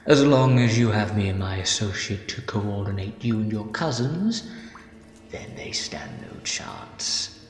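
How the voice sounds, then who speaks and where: A man's voice: fairly low pitch, expressive, measured pace. A man playing a bitter, decayed villainous mastermind in a fan audio drama, grandiose, persuasive and menacing. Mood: urgent, menacing. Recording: echoey hall, clear music behind.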